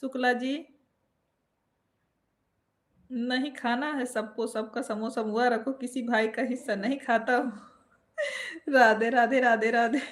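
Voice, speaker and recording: A woman's voice: on the high side, fairly even intonation, takes it slowly, pauses often. A woman hosting a casual live stream from home with an Awadhi accent, reading viewer comments aloud and greeting people by name with playful teasing.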